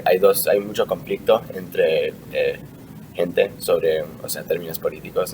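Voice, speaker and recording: Deep-voiced young man, hesitant, distant mic. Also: a little mellow. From Argentina. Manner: hesitant, many fillers and restarts. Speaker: interviewee. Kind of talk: casual interview answers. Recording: distant mic with clear background noise.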